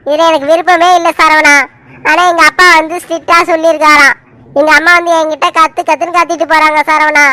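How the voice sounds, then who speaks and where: A woman's voice: sits high, little pitch movement, fairly quick, bright, forceful tone, no room sound. A woman voicing an upset young woman who pleads and complains, in a scripted family drama. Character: young woman, tearful and upset, facing an arranged match.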